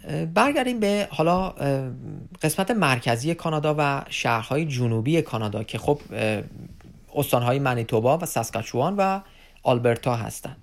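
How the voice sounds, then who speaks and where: A man giving an unscripted informational talk to viewers as an advisor, addressing them as friends and pausing often on fillers. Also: mid-range voice, expressive. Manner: unscripted explaining with many filler pauses.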